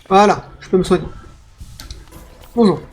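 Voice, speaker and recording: A man giving let's play commentary, excitable, yelping and talking back to the game as he plays. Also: sits high, a little slow. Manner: excitable, yelps and talks to the game. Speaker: gaming streamer.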